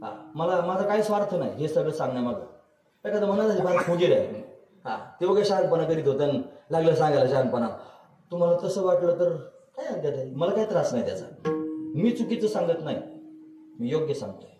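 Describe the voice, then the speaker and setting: A man's voice: a little high, big pitch swings, brisk, warm tone. A man preaching a devotional kirtan sermon, telling stories, asking the audience questions and chuckling now and then. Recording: echoey hall recorded from a distance, faint music.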